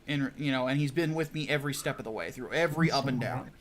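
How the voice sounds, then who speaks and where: A man hosting a casual livestream for his comic launch, excitable, laughing often and swearing freely. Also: medium pitch, quick pace, a little hiss or hum. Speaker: comic book writer hosting a launch stream.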